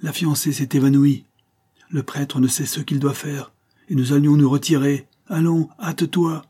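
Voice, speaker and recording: A hurried male stranger presses in an urgent, breathy half-whisper, his voice pushed higher, as a man reads the part. The sound is dark and soft-edged, like a storybook reading. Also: fairly even intonation.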